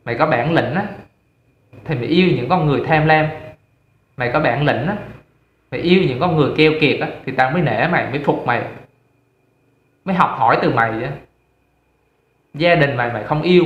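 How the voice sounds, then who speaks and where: A man's voice: mid-range voice, brisk, long pauses, lightly acted. Man playing a contemptuous young man, harsh scolding, dull roomy recording. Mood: scornful.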